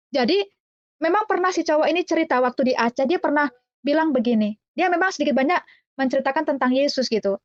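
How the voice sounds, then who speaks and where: A woman's voice: sits high, dry recording, highs cut off. A woman from Java telling her personal faith testimony in a chatty way, speaking to listeners as dear brothers and sisters and acting out the voices of the people in her story. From Java, Indonesia. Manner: acts out quoted voices, sings hymn lines slowly.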